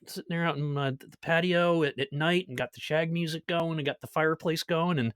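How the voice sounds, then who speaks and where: A man hosting a podcast, telling stories in a lively casual way and laughing at his own jokes. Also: a little high, fairly quick, smooth, dry recording, studio quality. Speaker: podcast host. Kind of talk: casual chat.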